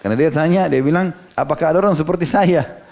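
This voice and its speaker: A man's voice: on the high side, fast talker, a little mellow. A man from Indonesia preaching a storytelling sermon, explaining each quote in plain everyday words and tossing in frequent casual asides. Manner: conversational, drops in frequent "ya" and "gitu" asides. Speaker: Islamic preacher.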